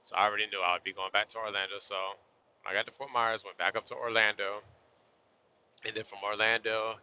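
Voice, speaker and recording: A man driving a truck rambles chattily to his vlog audience through a phone or camera on a tripod, laid-back and southern with his "y'all." His fairly low, level voice is bright and forceful, a little fast, and somewhat hoarse from losing it. The cab recording is dull and lo-fi, with slight background noise.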